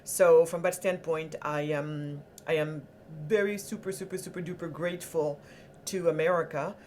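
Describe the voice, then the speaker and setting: Animated woman from Senegal telling her story. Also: low-pitched, normal speed, slight background noise. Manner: animated, earnest storytelling with restarts. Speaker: guest entrepreneur. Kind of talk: conversational interview.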